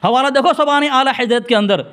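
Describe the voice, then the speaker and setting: A man with a strikingly high voice argues hard in a religious debate. He shouts down interruptions, keeps turning to the listeners, and reads quoted passages slowly and deliberately. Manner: combative, talks over interruptions, addresses listeners directly.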